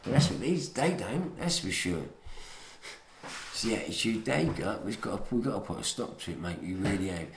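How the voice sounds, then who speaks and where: A man's voice: on the low side, animated, moderate pace. A British man giving a matey, opinionated, unscripted monologue, recorded on a dictaphone at home. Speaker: solo recorder of a spoken commentary. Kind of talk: rambling informal monologue. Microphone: handheld dictaphone. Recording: roomy dictaphone recording with faint noise.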